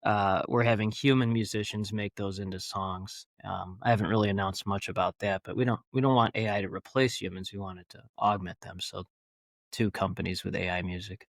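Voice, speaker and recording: A man's voice: deep voice, fairly even intonation, brisk, creaky, dry recording, studio quality. A man talking as a podcast guest, rambling and enthusiastic, with many fillers and restarts. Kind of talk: casual interview talk.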